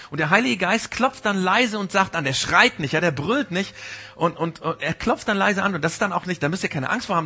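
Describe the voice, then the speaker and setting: Bright, gravelly-voiced German-speaking preacher. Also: male voice, on the high side. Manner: informal direct address to the congregation; mimics the Holy Spirit's gentle warning. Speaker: pastor. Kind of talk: sermon.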